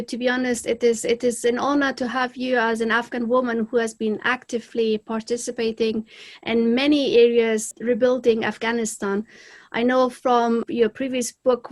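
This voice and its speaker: A woman hosting an interview, polite and formal, with some filler words. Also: fairly high pitch. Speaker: interview host.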